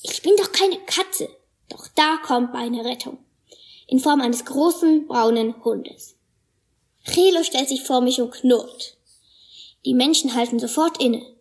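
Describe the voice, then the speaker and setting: A woman with a high, light voice reads a storybook aloud. She shifts into lively voices for the animal characters as she goes. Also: takes it slowly, long pauses. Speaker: narrator.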